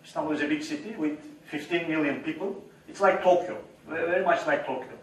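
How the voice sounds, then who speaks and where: A man's voice: a little high, brisk. A man in his forties from Turkey, with a Turkish accent, giving an informal guest lecture to a university seminar. He speaks unhurriedly, repeats his points and checks in with "right?" and "okay?". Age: 40s. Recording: very echoey room, distant mic.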